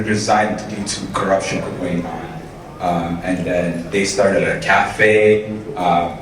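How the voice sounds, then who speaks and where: A young man from Ethiopia giving a casual personal talk at an event, full of ums and restarts. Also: sits low. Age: young adult. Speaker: invited speaker. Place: large event hall. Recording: roomy hall sound from far off, noisy.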